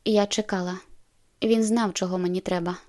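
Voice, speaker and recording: A woman's voice: lowish voice, fairly even intonation, moderate pace, darkish tone. A woman narrating a novel in the first person, reading expressively and acting out the heroine's lines. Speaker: audiobook narrator.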